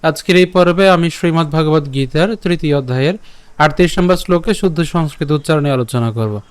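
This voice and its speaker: A man teaching pronunciation of a scripture verse step by step, breaking words into syllables and repeating them slowly. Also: on the high side, clear, resonant tone. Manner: chants verses in a slow melody. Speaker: Gita recitation teacher.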